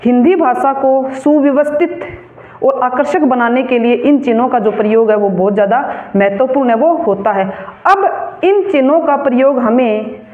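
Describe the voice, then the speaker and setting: A woman teacher giving a classroom grammar lesson, dictating slowly and repeating phrases so students can write them down. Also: high voice. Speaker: school teacher. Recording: echoey classroom on a tinny phone mic.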